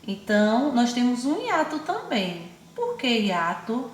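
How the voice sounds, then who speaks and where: A woman with a Brazilian accent teaching young children in an online class, speaking affectionately and stretching words out slowly syllable by syllable. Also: fairly high pitch, huge pitch swings, echoey room, slight background noise. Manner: affectionate, calls pupils "my loves" and herself "auntie". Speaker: primary school teacher.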